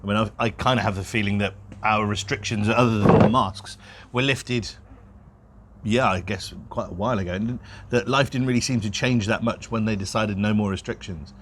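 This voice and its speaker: A real estate broker co-hosts a property podcast, rambling and poking fun at himself in loose, unscripted conversation. His voice sits fairly low with a steady tone and a moderate pace, and there's some background noise.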